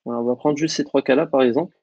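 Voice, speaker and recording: A man teaching a coding lesson over a screen share, explaining in a relaxed way with lots of fillers. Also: medium pitch, rapid-fire, husky, no room sound, highs cut off. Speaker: coding instructor.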